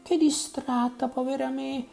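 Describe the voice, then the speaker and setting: A man's voice: very high-pitched, little pitch movement, unhurried, gravelly, faint music behind, pitched above the performer's own voice, exaggerated voice. A man voicing a sly, plump woman knitter in a storybook reading, coaxing and confiding. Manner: coaxing, confiding, hushed at times.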